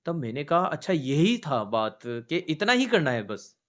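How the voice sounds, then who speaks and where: A man's voice: on the high side, big pitch swings, unhurried, a bit bright. A soldier sharing a personal faith testimony in an earnest storytelling manner, shifting his tone as he recounts conversations. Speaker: soldier giving a church testimony.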